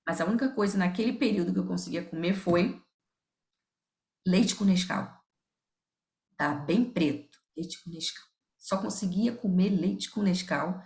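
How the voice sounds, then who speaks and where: A middle-aged Brazilian woman speaks with a gravelly, fry-tinged voice. She is an easygoing podcast guest who tells stories from home and laughs often. Her voice carries a noticeable room echo. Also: lowish voice, unhurried, pauses often. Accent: Brazilian Portuguese. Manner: lively, laughs often, acts out remembered dialogue. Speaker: guest, nutritionist and professor. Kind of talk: candid conversational storytelling. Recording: roomy echo.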